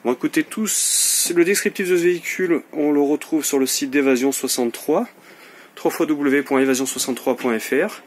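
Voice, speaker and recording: A man presenting a motorhome for sale, briskly listing its features in a casual walkthrough recorded on a handheld camera inside the vehicle. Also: a little high, slight background noise. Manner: brisk, matter-of-fact listing. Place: inside a motorhome on a dealer lot.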